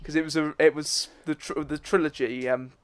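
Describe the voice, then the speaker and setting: A man with a fairly high voice talks in casual group banter. He is excitable and self-mocking, and swears freely among friends. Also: brisk, clear, resonant tone. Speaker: podcast panellist.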